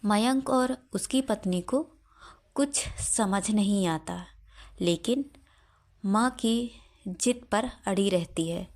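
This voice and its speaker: A woman hosting her channel and narrating a family story in a measured storytelling manner. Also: mid-range voice, darkish tone.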